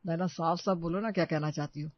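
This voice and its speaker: A woman's voice: sits low, steady tone, fast talker, no room sound, muffled recording, pitched below the performer's own voice. A woman voicing a traditional older mother-in-law who coaxes and frets. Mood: fretful.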